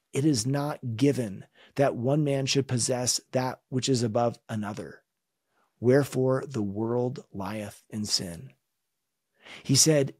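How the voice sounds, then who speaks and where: A man delivers a scripture lesson in an earnest, measured and reflective manner. His voice has a husky edge at a middle pitch. The sound is dry and close, with no room around it. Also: darkish tone, no echo. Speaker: religion teacher.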